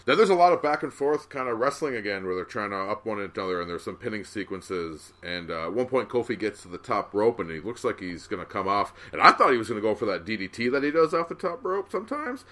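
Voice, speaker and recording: Male co-host, casual wrestling chat, bright forceful voice, excitable, slightly low pitch. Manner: excitable, swearing, quick bursts of enthusiasm. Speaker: podcast co-host recapping wrestling.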